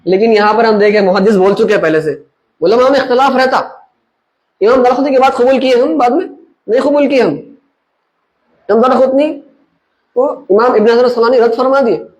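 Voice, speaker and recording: A man leads a relaxed religious class, his voice sitting high for a man. He talks things through with homely examples and keeps asking whether his listeners follow. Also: a little fast, pauses often, poor audio. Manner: explains with everyday examples, checks understanding with listeners. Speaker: religious teacher. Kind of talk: conversational Islamic lesson.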